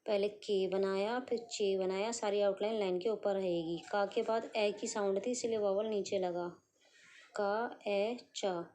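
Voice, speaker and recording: A woman teaching shorthand step by step, sounding out syllables slowly and answering her own questions. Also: medium pitch, fairly even intonation, dark tone. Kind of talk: step-by-step lesson.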